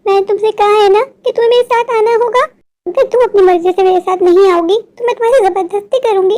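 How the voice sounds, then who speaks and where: A woman's voice: very high-pitched, steady tone, fast, mellow, no echo. A woman doing a bald vengeful witch ghost. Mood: threatening. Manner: warning and mournful, then threatening. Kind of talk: storybook voice acting.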